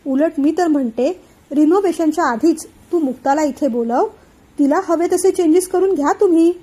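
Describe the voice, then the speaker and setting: A playful young sister coaxes her brother lightly, voiced by a woman reading the story. Her voice is high and mellow. It is a storybook reading. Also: normal speed, natural voice. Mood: coaxing.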